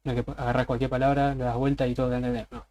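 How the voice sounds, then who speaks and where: An Argentine man giving a casual presentation on a voice chat server, walking through words with plenty of examples. His voice sits at a middling pitch and stays fairly flat, with little rise and fall. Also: rapid-fire. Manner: casual, explains slang word by word with examples.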